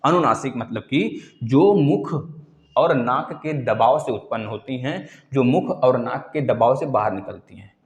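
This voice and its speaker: A man's voice: mid-range voice, lively intonation, a little slow. A man teaching Hindi grammar in an exam-prep lecture, repeating key words and quizzing his students, calling them "beta". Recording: echoey room.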